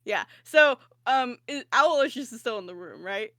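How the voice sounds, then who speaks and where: A woman's voice: a little high, expressive, normal speed, sharp tone, dry recording. A woman chatting casually as a tabletop game player, giggly and peppering her talk with "like" as she describes her character.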